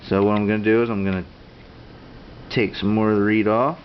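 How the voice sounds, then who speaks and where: Male instructor, lowish voice, plainspoken casual tutorial delivery, dull recording with noticeable background noise. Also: little pitch movement, brisk. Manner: plainspoken, matter-of-fact. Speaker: instructor demonstrating duck call tuning.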